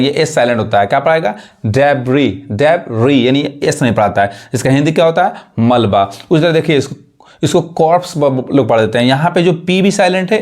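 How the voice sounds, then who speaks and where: A man's voice: fairly high pitch, a little mellow. A man teaching English pronunciation, who repeats example words and keeps checking whether learners follow. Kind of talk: classroom lesson.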